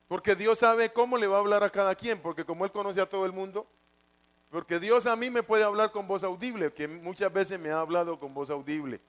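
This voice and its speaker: High-voiced man preaching. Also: brisk, a bit bright. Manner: repetitive, asks the congregation questions. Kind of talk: sermon.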